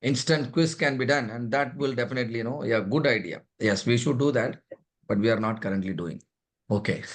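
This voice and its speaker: A man's voice: mid-range voice, a little fast. A man with an Indian accent leading an interactive online class, prodding participants and repeating points to drive them home. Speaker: trainer leading an online session. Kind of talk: interactive teaching, calling on participants.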